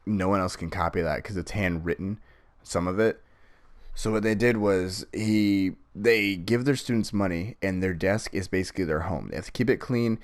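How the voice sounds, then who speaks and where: A man's voice: sits low, moderate pace, no echo. A man chatting casually as a podcast host, with a rambling, swear-heavy way of talking. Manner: profane, rambling. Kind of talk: casual chat.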